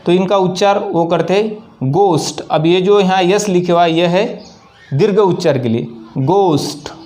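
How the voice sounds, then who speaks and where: A man teaching an English lesson, explaining slowly and deliberately and spelling out example sentences. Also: high-pitched, darkish tone.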